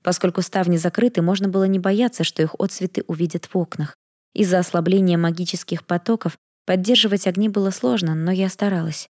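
A woman reading a first-person fantasy audiobook in a lively, expressive way. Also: fairly low pitch, brisk, dry recording, clean studio sound. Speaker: audiobook narrator.

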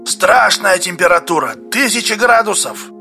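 A feverish, excitable geologist, as a male reader puts him on, with a high, agitated voice that keeps breaking into shouts. Faint music plays behind him in this audiobook reading. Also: normal speed, creaky, full character voice. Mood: uneasy.

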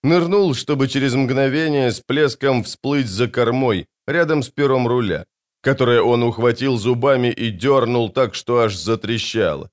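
A man narrating an adventure audiobook in an expressive, dramatic way. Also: medium pitch, normal speed. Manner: expressive, lively storytelling.

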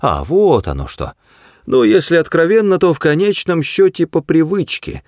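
A man's voice: a little high, wildly swooping pitch, normal speed, a little mellow, no echo, studio quality, pitched above the performer's own voice. Frankie, a fed-up talking mouse, as a man puts him on. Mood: weary. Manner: chatty, tired and fed-up.

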